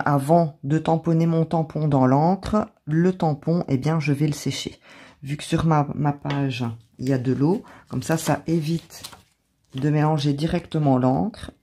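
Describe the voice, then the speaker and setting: A woman with an accent of her own in French, calmly talking through a craft tutorial step by step as the channel's host. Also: sits low, measured pace, a little hiss or hum. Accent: non-native or regional French accent. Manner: calm step-by-step explaining.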